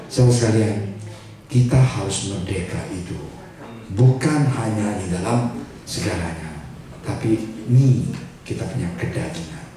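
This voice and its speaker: An older man preaching a lively, joking sermon to a church congregation, slipping in English and Chinese words. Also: on the low side, unhurried, long pauses, a crowd in the background. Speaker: pastor. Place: church hall. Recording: echoey hall from far off with congregation. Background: congregation laughing.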